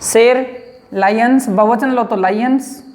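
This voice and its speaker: A woman's voice: on the high side, a little mellow, in a large hall. A woman teaching English grammar, explaining translation step by step and checking in often with her students. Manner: slow, repetitive, checks in often with rhetorical questions.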